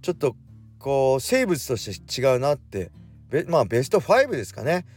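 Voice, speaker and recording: A man in his forties hosting a casual solo radio talk, drifting faster as he goes and correcting himself mid-phrase. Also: mid-range voice, big pitch swings, a little mellow, faint music behind. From Japan. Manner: speeds up as he talks, with self-corrections. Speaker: radio show host.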